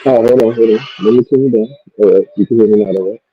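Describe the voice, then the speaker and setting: A man's voice: on the low side, quick pace. A man calling into a livestream in a casual chat, checking his audio and greeting everyone, his voice muffled and gurgling as if underwater. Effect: muffled, gurgling underwater-sounding connection. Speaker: caller joining a livestream. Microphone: remote call through a livestream. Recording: dull lo-fi call audio from off-mic.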